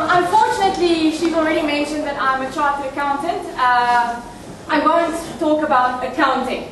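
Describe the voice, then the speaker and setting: A South African woman with a Dutch-tinged accent giving a fast, chatty, self-joking talk to a breakfast audience without a microphone. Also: high-pitched, noisy background. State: nervous. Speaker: business speaker. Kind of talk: live presentation to a breakfast audience. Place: cramped room at a breakfast event. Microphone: no microphone, picked up from across the room. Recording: echoey room from far off with chatter.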